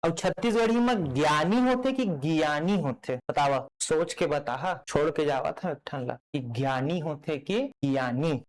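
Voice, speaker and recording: A man with a Chhattisgarhi accent giving a classroom lecture, animated and repeating words to drill their pronunciation. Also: on the high side, low-quality recording. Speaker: teacher.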